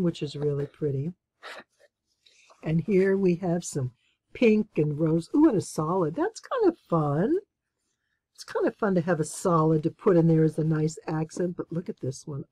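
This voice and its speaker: A woman's voice: fairly low pitch, warm tone, no echo. Cheerful chatty woman, dry close sound. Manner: enthusiastic, chatty, exclaims over fabrics. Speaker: quilting channel host. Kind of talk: casual unboxing chat.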